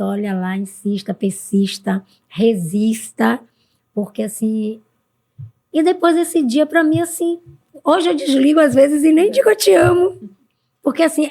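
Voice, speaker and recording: A middle-aged woman from Brazil, a guest on a podcast, talking earnestly and warmly about her life and her mother, sometimes jumping high in pitch when she quotes others. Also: vocal fry. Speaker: podcast guest, mentor for women. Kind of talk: casual interview talk.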